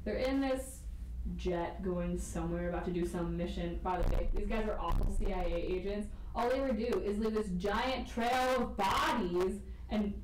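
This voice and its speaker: A woman's voice: medium pitch, moderate pace. A woman giving a casual, comic film rant in a loose drunken manner, sarcastic and sweary. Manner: tipsy, loose drunken delivery; acts out quotes in mocking voices. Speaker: amateur film reviewer. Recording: echoey room, distant mic, faint noise.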